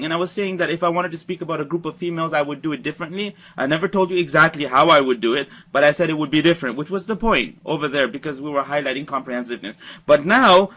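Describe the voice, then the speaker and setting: A man with a slightly raised pitch teaches a recorded grammar lesson. He explains step by step in a patient, methodical way and circles back to stress key ideas. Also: pushed and bright. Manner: patient, explanatory, repeats points for emphasis. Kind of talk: recorded slide-presentation lecture.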